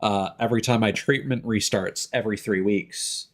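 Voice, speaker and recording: A game streamer chats casually on a livestream, explaining things informally and swearing now and then. His voice sits on the low side, with a steady tone and a normal speaking speed.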